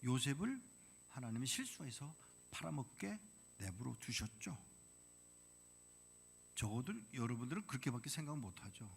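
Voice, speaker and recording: A male missionary preaching in a church with a very lively, swooping pitch, dropping to hushed whispers and then bursting out loud. He is blunt and needling with his listeners. A faint hiss runs under the recording. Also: normal speed, creaky, pauses often. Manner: dramatic, drops to whispers then bursts out loudly; blunt and provocative with the congregation. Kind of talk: sermon. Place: church sanctuary.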